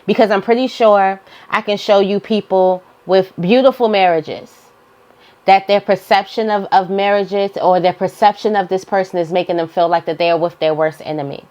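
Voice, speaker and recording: A woman's voice: mid-range voice, fairly even intonation, moderate pace, darkish tone, highs cut off. A woman giving an informal, motivational spiritual monologue, repeating phrases for emphasis as she guides listeners. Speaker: spiritual guidance host.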